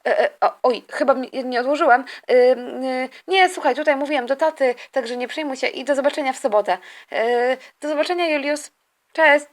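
A woman voicing an eager, excitable young boy in a toy-figure story, chatty and stumbling over her words. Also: sits high, moderate pace, natural voice. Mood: excited.

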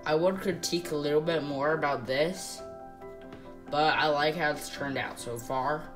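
Low-voiced woman rambling through a build vlog. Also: normal speed. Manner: rambling, hesitant, many "like" fillers. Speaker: Lego builder. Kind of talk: casual build vlog narration. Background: guitar music.

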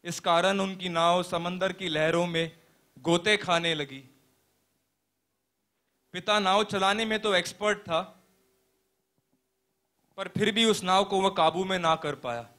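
A young man playing a pastor in a stage play, telling a parable as a sermon in a slow, earnest preaching manner with deliberate pauses. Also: high-pitched, pushed and bright, heavily acted. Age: young adult.

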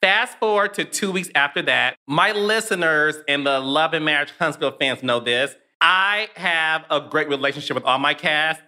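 A man's voice: a little high, normal speed, few pauses, bright, forceful tone. A man hosting a casual gossip podcast, telling stories animatedly and laughing often. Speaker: podcast host.

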